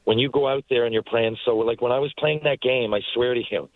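Quick and mid-range in voice, the forties-aged former hockey player from Newfoundland chats casually as a guest, rambling warmly and starting over often. It's a dry, rough recording.

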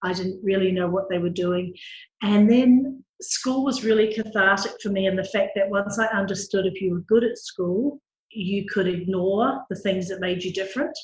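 A New woman in her fifties speaking as an interview guest. She talks candidly and matter-of-factly at a middle pitch. Her voice carries some room echo. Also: moderate pace. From New Zealand. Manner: candid, matter-of-fact storytelling.

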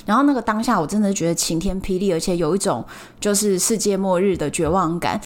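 A woman's voice: mid-range voice, fast. A woman hosting a podcast, telling stories animatedly in casual chat and acting out the people she quotes. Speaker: podcast host.

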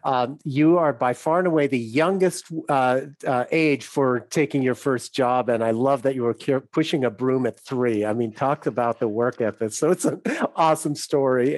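A man's voice: medium pitch, moderate pace, few pauses, a little mellow, no room sound. A man hosting a podcast, an upbeat and appreciative interviewer asking his guest questions. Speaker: podcast host. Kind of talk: casual interview talk.

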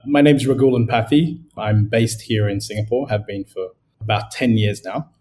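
A man's voice: lowish voice, normal speed, a little mellow. A man who grew up in Australia, a guest in a podcast interview, talking in a conversational way with fillers. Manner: conversational, thinking aloud with fillers.

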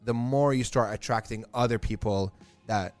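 A man's voice: medium pitch, moderate pace, faint music behind. A man in his thirties co-hosting a podcast, rambling and leaning heavily on filler words. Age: 30s. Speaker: podcast co-host. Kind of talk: casual chat.

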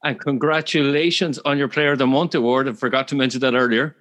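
A man's voice: medium pitch, steady tone, fast, a bit bright. A middle-aged man with an Irish accent, interviewing as a podcast host in hesitant, wordy phrasing.

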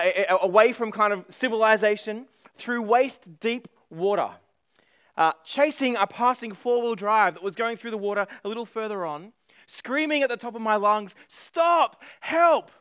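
A man's voice: high-pitched, fairly bright tone, smooth, dry recording, clean studio sound. A man in his thirties from Australia, a pastor preaching a sermon and telling a personal story with self-deprecating humor.

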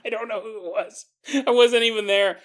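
Bright-voiced, rambling comic podcast host. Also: male voice, high voice, fairly even intonation, brisk. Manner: rambling and joking, often laughing mid-sentence. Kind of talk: comedic podcast monologue.

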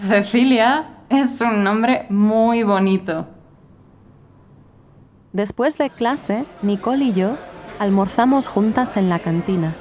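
A woman in her twenties with a Spanish-from-Spain accent tells a scripted story for learners. She speaks slowly and clearly. Her voice sits a little high. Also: darkish tone. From Spain (Galicia). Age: 20s. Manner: slow, clear, carefully spoken. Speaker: narrator and new Spanish teacher.

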